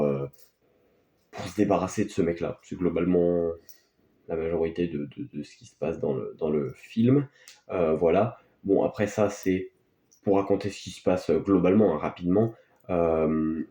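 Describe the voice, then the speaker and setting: Offering offhand, unscripted thoughts on films as a video host, a low-pitched, dark-toned man rambles and hesitates. The sound has a roomy echo.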